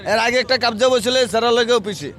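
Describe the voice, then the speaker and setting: High-voiced agitated man at a protest. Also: fairly bright tone, a faint crowd. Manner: halting, agitated, restarts sentences. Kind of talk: street protest talk.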